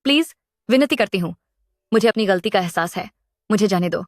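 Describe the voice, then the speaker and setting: A woman's voice: mid-range voice, animated, a little fast, dry recording, clean studio sound, close to an everyday voice. An actress playing a scheming young woman who ends up anguished and pleading, in a dubbed drama.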